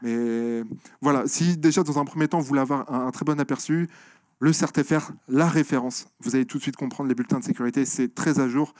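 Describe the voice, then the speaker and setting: A man speaking at a conference, answering audience questions with many pauses and restarts. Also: mid-range voice, a little mellow, dry recording. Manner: hesitant, many fillers and restarts, explanatory. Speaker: conference speaker on software security. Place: lecture room.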